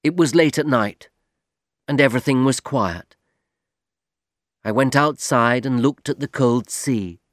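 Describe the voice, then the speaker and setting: A male narrator reads a story aloud at an unhurried pace, spelling out each phrase with care. The voice is mid-pitched and sits close and dry, with no echo at all. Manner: slow, careful reading. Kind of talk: scripted audiobook narration.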